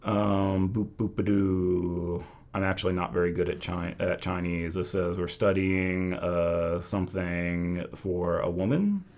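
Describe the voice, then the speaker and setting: A man's voice: low-pitched, unhurried, few pauses, a little mellow. A man hosting a casual live question-and-answer session, thinking aloud and qualifying what he says. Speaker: host of a Chinese medicine Q&A.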